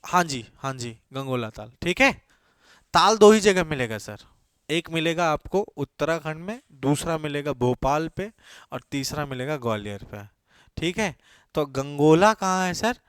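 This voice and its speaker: A man with a high, light voice runs an exam-prep class, firing the same question again and again before he answers it himself. He slips English phrases into his speech and. The sound is dry, close and free of room echo. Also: lively intonation, unhurried, a bit bright, clean tone. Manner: quizzes students with repeated questions, then answers himself. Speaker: coaching teacher.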